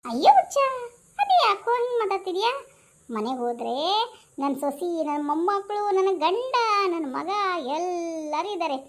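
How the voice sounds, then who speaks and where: A woman's voice: very high-pitched, very animated, normal speed. A woman playing a fussy, kind-hearted grandmother aunty in a comic skit, fond and scolding. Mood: cheerful.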